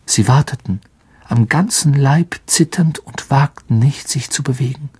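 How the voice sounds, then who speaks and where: A man narrating a fantasy audiobook in a hushed, suspenseful storytelling manner. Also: mid-range voice, a little slow, breathy edge.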